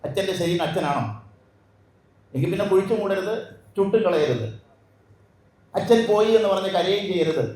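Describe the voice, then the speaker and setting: Malayali guru man preaching to a crowd, kinda high voice, lots of rhetorical questions, big echo. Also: expressive, moderate pace, pauses often, darkish tone. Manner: asks many rhetorical questions; repeats phrases in lists. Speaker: spiritual teacher. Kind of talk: spiritual discourse to an audience. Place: hall with a live audience. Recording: very echoey hall.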